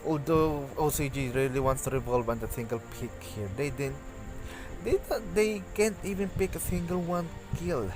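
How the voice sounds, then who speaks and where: A male esports caster with a voice on the high side practices calling a match play by play, with music playing. His delivery is halting and full of restarts, punctuated by excited bursts whenever a big play happens.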